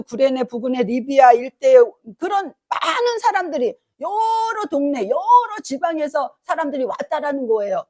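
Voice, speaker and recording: High-voiced woman pastor preaching emphatically. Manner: animated, emphatic preaching that acts out quoted speech. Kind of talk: Sunday sermon. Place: church sanctuary.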